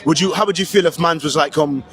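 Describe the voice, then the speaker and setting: A man interviewing a stranger on a city street in a put-on London accent, quick and slangy. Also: a little high. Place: busy city street, outdoors. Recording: street crowd behind.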